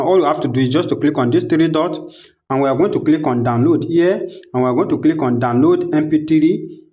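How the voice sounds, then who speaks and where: A man hosts a step-by-step screen tutorial, narrating every click aloud in a repetitive, instructional style. His voice is slightly high with a darkish tone.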